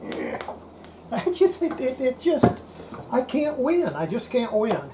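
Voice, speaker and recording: Working at a repair bench, the host of a radio repair video mutters casually to herself, exasperated and swearing mildly. She speaks slowly in a high voice with big pitch swings, and the recording is very noisy.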